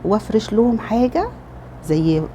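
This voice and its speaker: A woman's voice: medium pitch, lively intonation, normal speed, dark tone, a little hiss or hum. A middle-aged Egyptian woman with an Egyptian Arabic accent, giving casual motherly advice in a chatty home vlog. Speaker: lifestyle vlogger.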